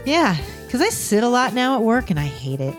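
A woman co-hosting a casual chat podcast, laid-back and quick to laugh. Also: fairly high pitch, big pitch swings, faint music behind. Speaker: podcast co-host.

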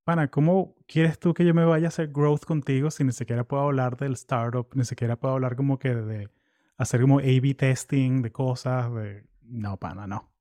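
A man's voice: mid-range voice, moderate pace, no echo. A man, hosting a casual interview in a chatty, slangy way. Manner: chatty, slangy, animated asides. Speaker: podcast host.

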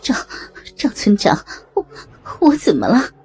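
A woman's voice: high-pitched, sing-song, slow, darkish tone, soft background music, voice pushed up, full character voice. A woman voicing a frightened middle-aged mother who stammers and pleads through tears. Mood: crying, pleading. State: crying.

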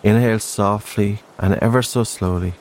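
Guy doing a sleep breathing meditation, soft n unhurried, lowish voice, faint steady noise behind. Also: low-quality recording. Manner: soft, soothing, unhurried delivery. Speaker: guided relaxation narrator. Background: soft green-noise ambience.

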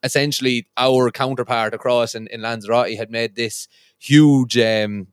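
Halting Irish man, dry close recording. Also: mid-range voice, fairly even intonation, smooth, no echo. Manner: halting, repeats words as he talks. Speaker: podcast host, musician. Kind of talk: casual interview chat.

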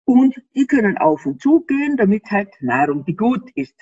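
Fairly high in pitch yet darkish in tone and slightly rough, her voice swings widely as she speaks at a moderate pace. She is an Austrian interview guest with an Austrian German accent, explaining things animatedly, often laughing and asking rhetorical questions. The recording is dry and a little dull.

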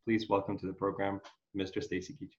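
A man's voice: low voice, completely flat delivery, fairly quick. A man from Ukraine hosting an interview show from his home, speaking earnestly with many hesitations and fillers. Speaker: host. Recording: slightly muffled.

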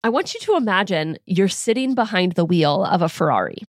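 A woman's voice: lowish voice, lively intonation, fairly quick, dry recording, studio quality. A woman hosting a motivational podcast, speaking directly and encouragingly to her listeners in a slightly tired, groggy morning voice. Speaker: podcast host and coach. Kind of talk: scripted motivational podcast monologue.

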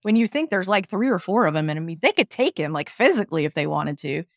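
Lower-pitched woman, emphatic TV chat. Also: fast talker, dry recording, studio quality. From American South. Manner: animated, emphatic, opinionated. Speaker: podcast co-host. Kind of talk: casual TV recap chat.

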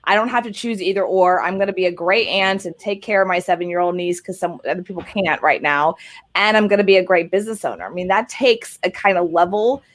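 Upbeat woman hosting a video-call interview. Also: on the low side. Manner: upbeat, encouraging, talks in long quick runs. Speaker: podcast host. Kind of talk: casual interview chat.

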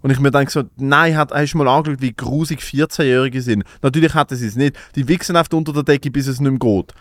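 A man's voice: mid-range voice, quick pace, no room sound. A young man with a Swiss German accent, telling rambling, laughing stories as a podcast co-host. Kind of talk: casual chat.

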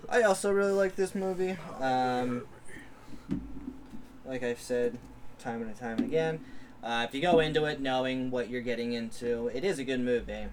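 A man's voice: mid-range voice, normal speed, background noise. Crude laid-back male podcast host. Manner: crude, laid-back, rambling with many ums. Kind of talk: casual chat.

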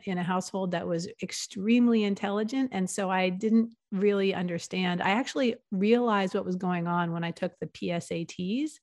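On a podcast, a nonprofit consultant in her forties from the US East Coast speaks as a guest, earnest and upbeat, often restarting her sentences. Her voice sits at medium pitch with a darkish tone, recorded clean in a studio with no echo.

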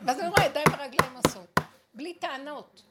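A woman's voice: high voice, expressive, heavy background noise. A woman giving a spiritual lesson to a group, talking emphatically and acting out prayers and dialogue. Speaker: spiritual teacher.

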